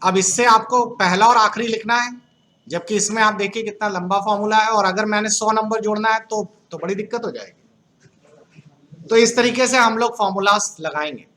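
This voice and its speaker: A man's voice: high-pitched, steady tone, brisk, bright, forceful tone. A man from Uttar Pradesh teaching a computer class, quizzing the students and joking with them. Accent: Uttar Pradesh Hindi. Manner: asks the class questions, jokes with students. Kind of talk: classroom lecture.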